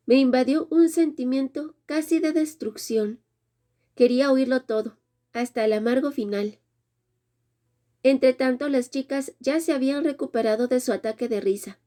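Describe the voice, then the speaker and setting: A woman narrating a romance audiobook in the first person with a measured, dramatic reading. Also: sits high, mellow.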